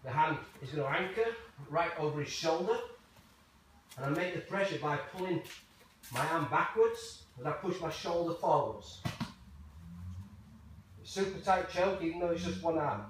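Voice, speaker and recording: A male martial arts coach demonstrates moves in short, casual instructions. His slightly high voice carries from a distance through a very reverberant room. He breaks each technique into small steps as he goes. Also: normal speed, pauses often. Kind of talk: hands-on jiu jitsu demonstration. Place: large echoey indoor training room. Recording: very echoey, noisy room, far from mic.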